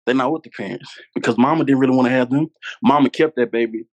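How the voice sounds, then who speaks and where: A Louisiana man in his 20s talks quickly in a mid-range voice, with lo-fi sound quality. As a podcast guest, he tells stories candidly and earnestly in conversation, repeating his points for emphasis.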